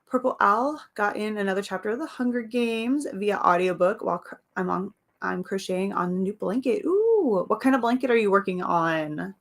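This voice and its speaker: A woman with a raspy voice hosting a casual livestream, reading viewers' comments aloud and chatting about them. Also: mid-range voice, animated, normal speed. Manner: chatty, reads comments aloud, laughs often. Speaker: livestream host.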